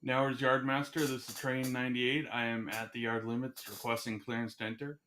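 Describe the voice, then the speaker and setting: A man's voice: mid-range voice, flat delivery, brisk, sharp tone, a little hiss or hum. A man calling in over a radio as a train operator, using clipped, formal radio phrasing. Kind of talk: radio procedure calls.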